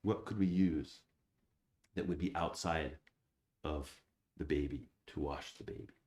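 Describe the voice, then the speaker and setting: A man, an abbot, giving a Zen Dharma talk, reading old texts slowly and then explaining them with rhetorical questions. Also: rumbling low, steady tone, a little mellow, echoey room.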